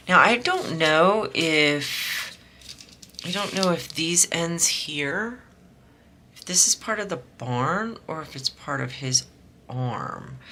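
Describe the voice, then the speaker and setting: A woman with a slightly hoarse, scratchy throat, chatting casually and softly while she works on a craft project. She rambles, with lots of fillers and restarts. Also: extremely low pitch. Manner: soft-spoken and rambling, with many fillers and restarts. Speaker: diamond painting vlogger.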